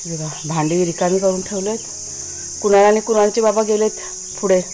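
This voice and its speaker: A woman's voice: mid-range voice, brisk, dark tone, a little hiss or hum. A woman host with a Konkan Marathi accent, chatting casually in a village vlog, talking to her pets and her viewers outdoors.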